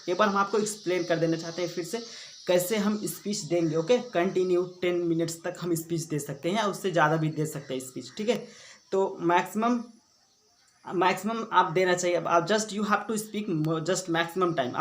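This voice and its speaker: A man's voice: high voice, echoey room, rough recording. A man teaching a coaching-class lesson. He explains step by step, repeats himself and adds "okay" often. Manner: recites the model speech slowly and deliberately. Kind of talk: classroom lesson with a model speech.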